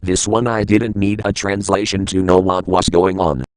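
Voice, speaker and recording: Deep-voiced man narrating a horror story. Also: level tone, normal speed, clear, resonant tone, no room sound. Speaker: creepypasta narrator.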